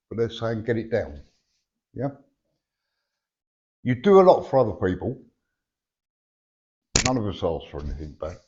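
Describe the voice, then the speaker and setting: A deep, slightly mellow man's voice belongs to a medium giving a blunt, chatty reading in conversation with a sitter at a live event, often checking "yeah?". His missing teeth slightly slur his words. The live recording is dull and lo-fi.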